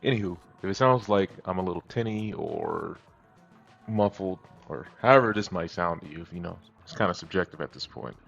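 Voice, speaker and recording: A man vlogging in a laid-back, rambling way, his voice sounding thin, tinny and muffled with no bass through a wireless headset. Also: animated, normal speed, gravelly, a bit bright. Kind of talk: casual chat to viewers. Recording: dull lo-fi headset audio. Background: faint music playing.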